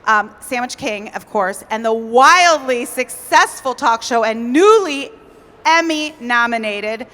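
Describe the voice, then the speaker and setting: On a large convention hall stage, a bubbly event emcee hosts live cooking, getting a little flustered and laughing at her own slips. She speaks slowly with a fairly high, pushed, bright voice and lively intonation.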